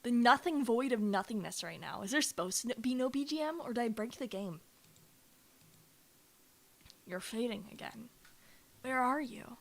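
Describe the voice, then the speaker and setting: A woman streamer telling an animated story between game lines, laughing often, swearing freely and talking back to her chat. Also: fairly high pitch, normal speed, creaky, long pauses. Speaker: streamer playing a visual novel.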